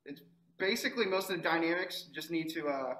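A man's voice: fairly high pitch, a little fast, sharp tone. A young man answering his teacher in a masterclass, hesitant and full of "um"s. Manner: hesitant, with many "um"s. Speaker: music student. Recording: echoey room.

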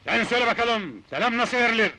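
An actor playing an irritable army captain who scolds and shouts at clumsy recruits in a film comedy. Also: male voice, very high-pitched, lively intonation, quick pace, slight background noise, exaggerated voice, poor audio. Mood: stern. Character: irritable blustering army captain, male, adult.

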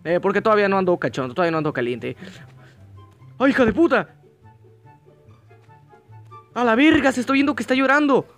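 A young man with a Mexican Spanish accent, giving profane horror game let's play commentary and yelling curses in panic. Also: high-pitched, fairly quick, pauses often, soft background music. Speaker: gaming YouTuber.

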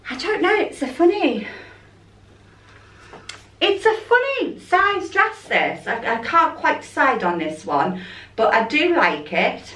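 A woman's voice: medium pitch, a bit bright, distant mic. A woman chatting casually through a clothing try-on haul, rambling and thinking aloud as a fashion vlogger. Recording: echoey room, voice a bit off-mic.

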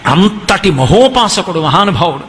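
Man, devotional discourse, earnest storytelling, high voice, long hall echo. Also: sing-song, normal speed, fairly bright tone. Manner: earnest storytelling addressed to listeners. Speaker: religious storyteller.

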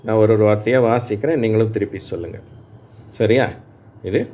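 A man teaching English reading to adults in Tamil. He speaks slowly and patiently, repeats his points and checks with his listeners. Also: lowish voice, mellow. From Tamil Nadu, India. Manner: patient, reassuring, repeats points and asks "சரியா?". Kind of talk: slow spoken lesson for adult learners.

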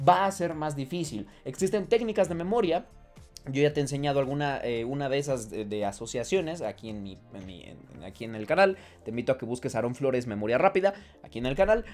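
A man's voice: a little high, darkish tone. A man giving a casual online English lesson, talking straight to the viewer, often checking "¿ok?" and correcting himself as he goes. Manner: thinks aloud with fillers and self-corrections. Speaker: English teacher.

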